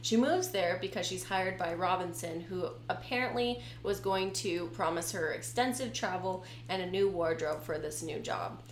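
A woman's voice: lowish voice, moderate pace, few pauses. A young woman co-hosting a casual true-crime podcast, telling the story conversationally with slangy asides. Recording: roomy echo, faint background noise.

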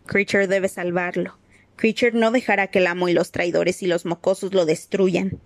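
A woman's voice: lowish voice, steady tone, normal speed, no echo, close to an everyday voice. A grumbling, spiteful old male house-elf, as a woman reader puts him on mutters under his breath and refers to himself in the third person. The storybook reading is dry and close, with no room around the voice. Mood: bitter muttering.

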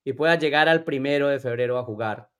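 A man's voice: medium pitch, quick pace, clear, resonant tone. A man co-hosting a casual sports talk, chiming in with short agreements and corrections. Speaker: co-host.

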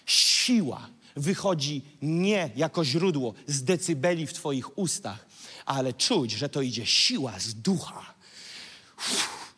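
A man's voice: high voice, a bit bright, slightly rough. A man preaching a sermon as pastor, dramatic and vivid, now and then acting out mocking voices. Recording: church hall reverb.

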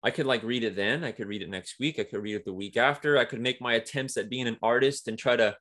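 A man's voice: mid-range voice, quick pace, a bit bright. A man guesting on an interview, talking about his work as a comic writer in a casual, rambling way with many fillers. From Mexico–US border region.

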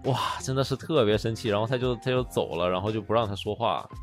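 A man in his late twenties co-hosting a casual podcast, telling stories in a chatty way that gets animated and then trails off softly. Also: fairly low pitch, quick pace, soft background music. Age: late 20s. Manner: storytelling, animated when recounting, trails off softly. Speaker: podcast co-host. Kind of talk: casual chat.

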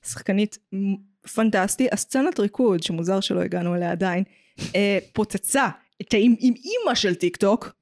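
A woman's voice: medium pitch, animated, darkish tone, no echo, studio quality. A woman with an Israeli accent co-hosting a casual pop-culture podcast, opinionated and jokey, dropping in English phrases. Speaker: podcast co-host.

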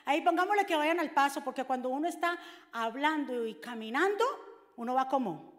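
A woman preacher, delivering an animated sermon that swings from hushed asides to shouted scripture. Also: high-pitched, brisk, in a large hall.

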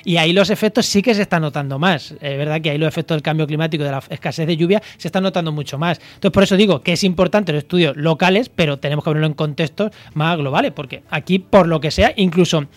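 A man's voice: fairly high pitch, fast talker, hardly any pauses, dry recording. A man from La Mancha, a guest expert on a radio program, explaining environmental studies thoughtfully with many hesitations and restarts. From Castilla-La Mancha, Spain.

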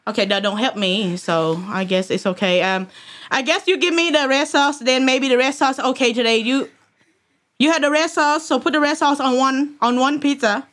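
A woman voicing a fussy, rambling prank caller with a put-on accent, asking halting, repetitive questions. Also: high voice, a bit bright. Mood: pushy. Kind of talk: prank phone call.

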